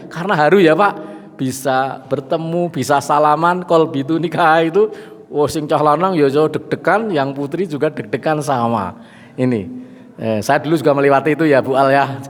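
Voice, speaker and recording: Javanese-accented preacher in a reverberant hall. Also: male voice, sits high. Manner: lively, mixes in Javanese phrases and jokes with the audience. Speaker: Islamic preacher. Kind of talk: sermon to a live gathering.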